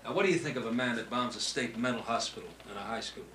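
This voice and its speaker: An actor playing a middle-aged American police detective, a tough cop who talks bluntly and threateningly in a film drama. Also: male voice, medium pitch, fast, pushed and bright, slight background noise, natural voice. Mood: pressing. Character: hard, menacing, impatient male police detective. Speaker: police interrogator. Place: small indoor police office.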